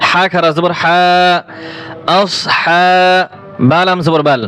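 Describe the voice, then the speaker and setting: A man teaching Quran reading, spelling each word letter by letter and then reciting it slowly and drawn out. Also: fairly high pitch, fairly even intonation, pushed and bright, soft background music, poor audio.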